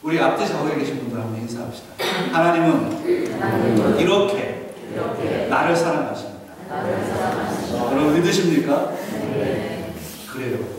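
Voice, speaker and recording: A male pastor preaching with a high, lively voice that climbs and falls freely. He keeps questioning his congregation. The sound is distant and washed in the long echo of a big church hall. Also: a little hiss or hum. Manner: animated, asks the congregation many rhetorical questions. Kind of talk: sermon. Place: large church sanctuary. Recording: echoey church hall from far off.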